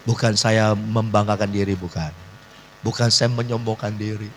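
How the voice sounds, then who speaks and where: Preaching at a church service, the pastor speaks at normal speed in a lowish voice with fairly even intonation. Quiet asides give way to shouted climaxes, English phrases slip in, and he keeps asking his congregation to agree, all over slight hiss or hum.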